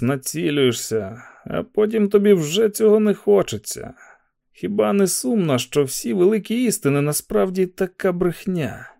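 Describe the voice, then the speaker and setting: A weary, sardonic young male walker muses aloud in a gravelly, mellow voice, as a narrator puts him on. The recording is dry and close. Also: fairly high pitch, dry recording, pitched above the performer's own voice.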